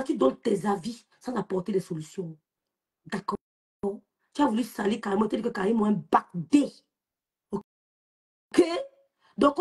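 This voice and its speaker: A young Cameroonian woman speaks in a husky, slightly high voice, taunting and scolding someone in a live-stream rant. Her Cameroonian French accent stays clear as she mocks and lectures without letting up. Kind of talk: social media live rant.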